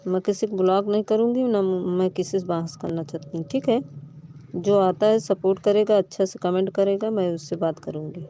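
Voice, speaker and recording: Woman, live stream host, casual chat with viewers, pleading and scolding, mid pitch, faint background hum. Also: moderate pace, dark tone. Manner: pleading, repeatedly reassuring and scolding commenters.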